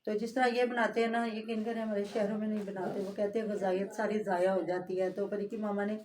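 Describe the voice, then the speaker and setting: A woman's voice: medium pitch, flat delivery, brisk, darkish tone, a little hiss or hum. A woman giving casual, rambling reaction commentary on family vlogs, full of fillers and asides.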